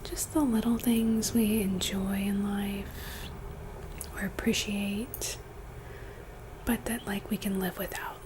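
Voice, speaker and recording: A woman in a whispered role-play, speaking gently and intimately right in the listener's ear, guiding in an unhurried, soothing ASMR style. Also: medium pitch, steady tone, noisy background. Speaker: ASMR host playing a friend giving reiki.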